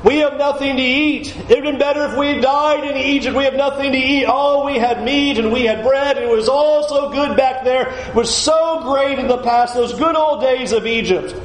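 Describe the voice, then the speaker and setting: Preacher doing a whining Israelite man, high and pleading, echoey room, faint hiss. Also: normal speed, hardly any pauses. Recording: roomy echo, faint background noise.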